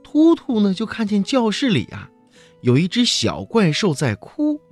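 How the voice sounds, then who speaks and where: A man reading a children's picture book aloud, expressive and full of exclamations. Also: high voice, unhurried, faint music behind. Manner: animated, expressive storytelling with exclamations. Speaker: children's storyteller.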